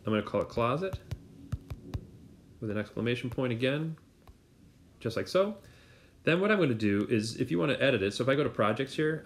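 Casual low-voiced man explaining an app. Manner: casual, thinking aloud, many fillers and "right?". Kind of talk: screen-recorded tutorial walkthrough.

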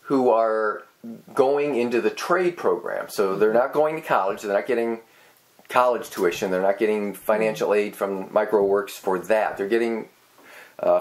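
A middle-aged man co-hosting a casual whiskey tasting chat, rambling and hesitant with many pauses and restarts. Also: fairly low pitch. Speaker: co-host.

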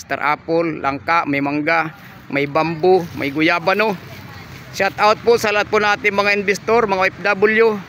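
Outdoors on a large fenced lot, a real estate agent walks a lot while narrating a property tour in polite, upbeat sales patter. His voice is on the high side, bright and forceful, with a little hiss or hum in the recording.

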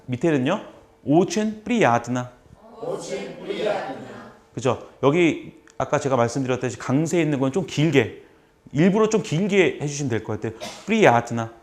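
A man teaching a class, patiently repeating short phrases slowly so students can copy them. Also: mid-range voice, very animated. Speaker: language instructor. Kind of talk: classroom lesson.

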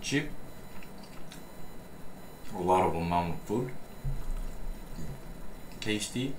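Male vlogger, speaking through fingers, unhurried, faint room noise. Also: deep voice, animated, roomy sound. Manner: unhurried, plain non-native phrasing. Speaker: food vlogger. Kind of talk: casual eating-show talk.

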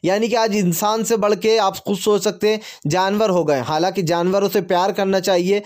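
A man presenting a fast, emphatic, opinion-heavy news rundown, leaning on catchphrases and fillers. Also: sits high, fairly even intonation, a little mellow.

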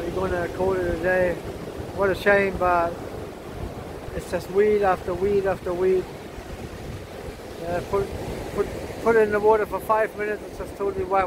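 A man in his fifties filming a casual fishing vlog on an open beach, chatty, laughing often and repeating words, holding the camera close. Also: sits high. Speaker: fishing vlogger. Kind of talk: casual outdoor vlog commentary. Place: open sandy beach by the surf. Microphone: handheld camera close to face. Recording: wind and surf noise.

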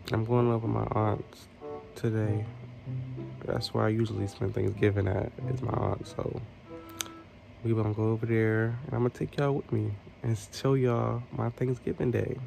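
A man's voice: fairly low pitch, little pitch movement, a little slow, creaky, pauses often, over music. Laid-back young man vlogging. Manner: laid-back and slangy, talking straight to viewers. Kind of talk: casual vlog chat to camera.

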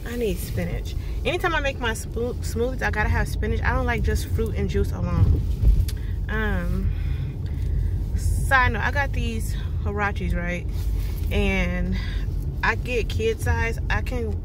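A woman's voice: medium pitch, background noise. A woman in her thirties, a hairstylist, chatting casually and rambling to her viewers while filming herself on a phone in her car. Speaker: vlogger and hairstylist. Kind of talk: casual vlog chat. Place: inside a car at night, later at a desk at home. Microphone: phone camera at arm's length.

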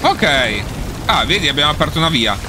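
A man's voice: on the high side, big pitch swings, fairly quick, background noise. A man giving casual let's play commentary, swearing and talking back at the enemies he fights. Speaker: gameplay streamer.

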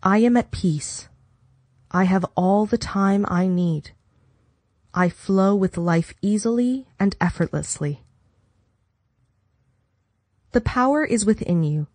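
A woman reads a self-help audiobook in a measured, instructional manner. Her voice sits at a middle pitch. The sound is dry, with hardly any room in it, as she delivers guidance and affirmations. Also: a little mellow, dry recording. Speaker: audiobook narrator. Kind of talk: scripted self-help narration with affirmations and guided exercises.

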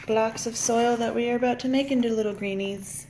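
A woman's voice: a little high, fairly even intonation, fairly quick, dark tone, a little hiss or hum. A young woman in her twenties chatting casually as a vlog co-host, rambling and searching for words with a giggle. She speaks to a phone held at arm's length inside a large greenhouse. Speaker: vlog co-host, farm intern. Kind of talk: casual chat. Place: large dome greenhouse, indoors. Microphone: phone camera at arm's length. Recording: echoey greenhouse.

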